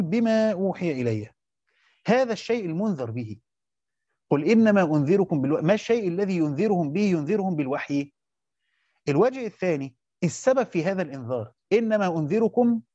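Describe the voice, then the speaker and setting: A man's voice: on the high side, big pitch swings, fast, warm tone, dry recording, muffled recording. A man with an Egyptian accent teaching a lesson on a religious text, asking questions and then answering them himself. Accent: Egyptian Arabic. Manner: checks with listeners whether points are understood. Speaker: teacher of Quran commentary. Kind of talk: classroom lesson explaining a text.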